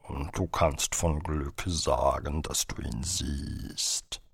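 A slow gravelly sea troll. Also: male voice, extremely low pitch, fairly even intonation, dry recording, studio quality, pitched below the performer's own voice, heavily acted. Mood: calm, ominous. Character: deep, cold sea troll, calm and matter-of-fact. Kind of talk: audiobook reading.

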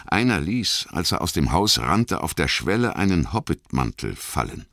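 Male narrator, extremely low voice, dramatic storytelling, dry booth sound. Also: big pitch swings, moderate pace, vocal fry, fairly bright tone, no echo. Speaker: audiobook narrator.

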